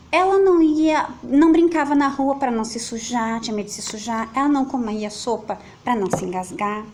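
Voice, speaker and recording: Over slight background noise, a high-pitched woman with a Brazilian Portuguese accent reads to children in a playful, sing-song voice. She is a teacher, and the kids and a pet are nearby at home.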